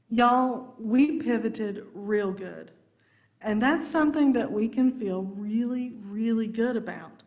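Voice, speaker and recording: A woman, giving a folksy, humorous sermon as a religious education director. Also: mid-range voice. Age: 50s. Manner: folksy and humorous, laughing along with the congregation.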